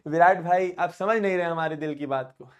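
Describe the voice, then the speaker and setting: A man's voice: a little high, a little fast. A man teaching a live online math class, chatty and teasing, bantering with students and repeating questions to drill them.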